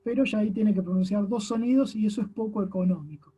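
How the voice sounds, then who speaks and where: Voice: mid-range voice, fast, warm tone, husky. A teacher with an Argentine accent giving a recorded class lecture, explaining step by step and often tagging sentences with a questioning "no?". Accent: Argentine Spanish. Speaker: language teacher.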